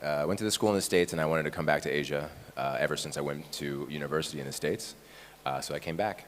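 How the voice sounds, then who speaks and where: Very deep-voiced man presenting in a hall. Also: fast, slight background noise. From Taiwan. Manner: relaxed, conversational, frequent "right?" tags. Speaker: conference speaker. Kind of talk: conference presentation. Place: large conference hall. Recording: reverberant hall.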